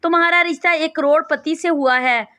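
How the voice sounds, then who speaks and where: A woman voicing a worried, loving mother in a storybook, with a gentle, coaxing reading. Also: sits high.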